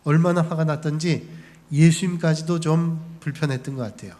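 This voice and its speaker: A man's voice: a little high, normal speed, dark tone. A man preaching as a pastor, telling the story and briefly acting out the people in it. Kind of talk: sermon. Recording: long hall reverb.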